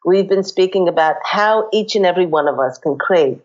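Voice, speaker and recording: A woman hosting a spiritual radio show, hoarse with a cold and croaky, speaking in an earnest, uplifting way. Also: fairly low pitch, brisk, dull audio.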